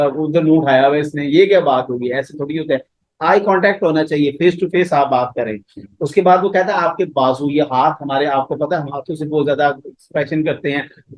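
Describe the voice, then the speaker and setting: A male professor lectures on communication in a fairly high voice, recorded dry and close. He explains patiently with everyday examples. He slows down for English phrases woven through his talk. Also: dry recording, rough recording. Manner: mixes Urdu with slow, deliberate English phrases.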